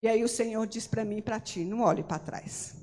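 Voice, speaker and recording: A middle-aged woman missionary preacher delivers an emphatic testimony sermon in a church hall, often calling out to the congregation. Her voice is a little high and mellow at a normal speed, and the recording carries long hall reverb.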